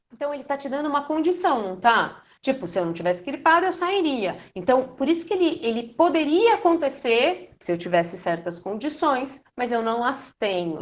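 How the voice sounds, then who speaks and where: A young Brazilian woman, a Portuguese teacher, explains grammar to teenagers in a casual, affectionate way, tagging her sentences with "né?". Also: fairly high pitch. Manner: chatty, affectionate, many "né?" and "então". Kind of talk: casual recorded lesson for teenagers.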